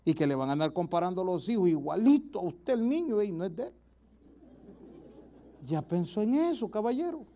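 High-voiced preacher man with a mellow tone. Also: big pitch swings, normal speed, pauses often. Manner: direct, exhorting, rhetorical questions to the listener. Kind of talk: sermon.

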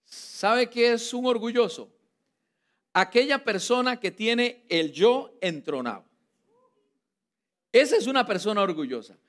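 A man with a Costa Rican accent preaching a lively sermon, playful and teasing with his congregation. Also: extremely high pitch, a little slow, pauses often. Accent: Costa Rican Spanish. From Costa Rica.

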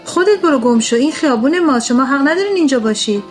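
A woman's voice: on the high side, soft background music, pitched above the performer's own voice, lightly acted. Proud stubborn little rich boy, as a woman puts him on. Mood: defiant. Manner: indignant, insistent boyish talk.

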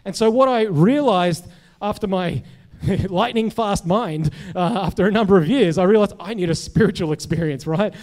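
A man, a psychologist sharing his testimony from the pulpit. His voice sits high for a man, and he talks in a loose, chatty way, full of "um" and "you know" and restarting his sentences. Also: moderate pace, darkish tone. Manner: conversational, many fillers and restarts. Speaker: guest speaker, psychologist. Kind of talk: personal testimony sermon.

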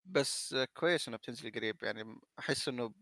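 A man's voice: mid-range voice, fast talker, fairly bright tone, no echo. A man, co-hosting a casual chat about video games and dropping in the odd English word. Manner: drops occasional English words into Arabic. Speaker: gaming show co-host.

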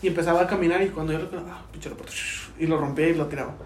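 A young Mexican man with a high-pitched voice tells stories in a casual chat and acts out the people he quotes. The room around him has a noticeable echo. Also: racing, a little hiss or hum. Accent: Mexican Spanish. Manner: animated storyteller acting out quotes, laughing often. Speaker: podcast co-host.

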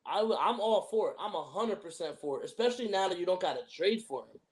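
A man's voice: high-pitched, expressive, fast. A young man hosting a sports podcast, giving opinions in emphatic, casual frat-bro slang.

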